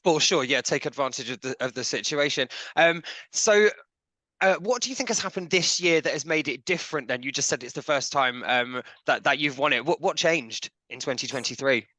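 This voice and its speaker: A man's voice: mid-range voice, fairly quick, bright, forceful tone, no room sound. A man asking questions casually as an interviewer.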